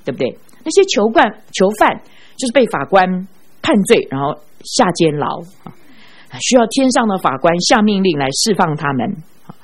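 A woman preaching a sermon, telling stories in an animated way and ending phrases with a drawn-out "ah". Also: mid-range voice, slightly rough. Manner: animated storyteller who ends phrases with a drawn-out "ah". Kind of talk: sermon with storytelling.

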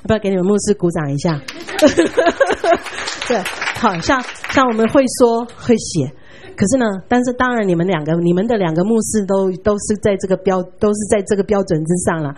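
A woman guest preacher giving a sermon, telling animated stories and often asking her listeners whether they follow. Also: mid-range voice, quick pace, a little hiss or hum. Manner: animated, often asks "you know?". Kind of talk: sermon with lively storytelling.

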